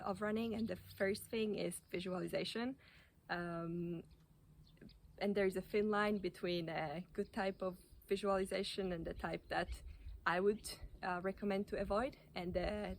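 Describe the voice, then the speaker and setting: A woman giving informal running advice in a halting, hesitant way, often restarting her sentences. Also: lowish voice, creaky, a little hiss or hum. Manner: hesitant, halting delivery with repeated self-corrections. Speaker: running coach or athlete giving tips. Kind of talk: informal advice talk to camera.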